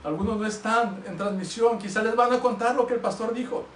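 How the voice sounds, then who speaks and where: A male pastor preaching a sermon in earnest, moving between loud urging and hushed storytelling. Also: high voice, brisk, slight background noise. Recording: roomy, distant church livestream sound.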